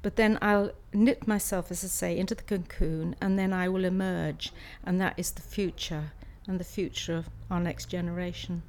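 A woman's voice: lowish voice, fairly even intonation, normal speed, few pauses, darkish tone. A woman, answering interview questions conversationally and somewhat hesitantly. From Swansea, South Wales. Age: 60s. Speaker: interviewee, art student and practising artist.

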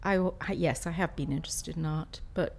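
Older woman, lowish voice. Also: brisk, a little mellow, slight background noise. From Swansea, South Wales. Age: 60s. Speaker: interviewee, art student and practising artist. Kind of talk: interview answers, conversational.

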